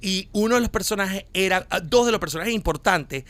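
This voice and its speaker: A man, a comedian guest telling stories in casual chat, animated and laughing often. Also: sits high, a little fast, no room sound.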